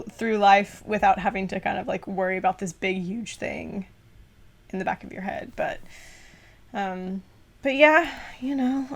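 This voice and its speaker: A young adult woman co-hosting a casual podcast, rambling and filling her talk with "like.". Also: mid-range voice. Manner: rambling, heavy use of "like" fillers. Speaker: podcast co-host.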